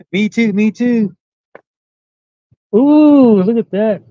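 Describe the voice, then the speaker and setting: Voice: medium pitch, extremely slow, mellow. A person with a Puerto Rican accent hosting a casual live chat, playful and bantering. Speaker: livestream host. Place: live stream of an eclipse viewing. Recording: dull lo-fi livestream audio.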